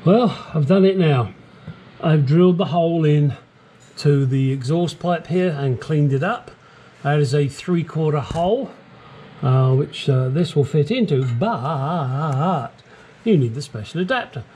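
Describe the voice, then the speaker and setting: Working beneath a car in a home garage, this DIY mechanic speaks in a slightly high, expressive, mellow and husky voice at a measured pace. He explains each step casually, swearing at times and making crude jokes, all caught on a small action camera.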